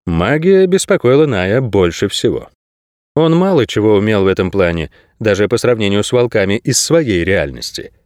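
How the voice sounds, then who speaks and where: A man narrating an audiobook in a steady, expressive storytelling manner. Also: fairly low pitch, normal speed, no echo, clean studio sound. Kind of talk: scripted narration.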